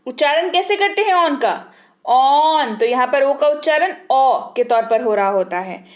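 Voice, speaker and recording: A woman's voice: sits high, animated, normal speed. A woman teaching English words, spelling each one out letter by letter and repeating it with its meaning. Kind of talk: slow teaching lesson, spelling words aloud.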